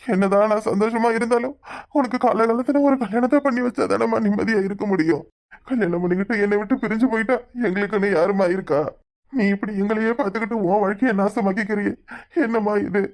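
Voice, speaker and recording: A woman's voice: medium pitch, fairly even intonation, fast, natural voice. A woman voicing a sick, self-pitying old village father in a cartoon, with a southern Tamil accent. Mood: mournful. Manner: weary, guilt-ridden, soft. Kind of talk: cartoon voice acting.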